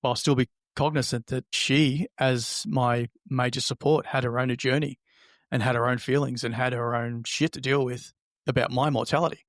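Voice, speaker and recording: Aussie guy chatting as a podcast guest, kinda halting and thoughtful, really dry close sound. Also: medium pitch, steady tone, dry recording. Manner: halting, reflective, acts out remembered remarks. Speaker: interview guest. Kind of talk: conversational personal storytelling.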